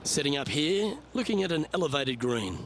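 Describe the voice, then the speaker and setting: Calm golf play-by-play man, slightly high. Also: slight background noise. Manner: calm, measured play-by-play calls. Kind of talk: prerecorded video game sports commentary.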